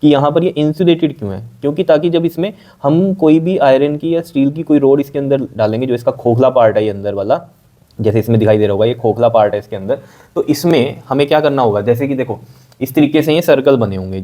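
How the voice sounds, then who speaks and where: A man teaching a science lesson, explaining step by step, often checking that students follow, and dictating definitions slowly. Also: medium pitch, warm tone. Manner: repetitive, checks understanding with frequent "okay?".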